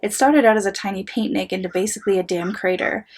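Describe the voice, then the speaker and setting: Woman, husky unpolished tone, gleeful reading aloud, amused, casual wry asides. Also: mid-range voice, fast talker. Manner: wry, sweary, conversational asides. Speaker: host reading listeners' anonymous confessions aloud.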